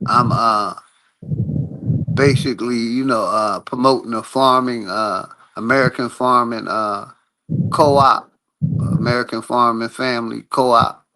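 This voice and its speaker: A man's voice: mid-range voice, steady tone, a little slow, pushed and bright. A man in his sixties in a casual panel talk, rambling and hesitant with many fillers. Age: 60s.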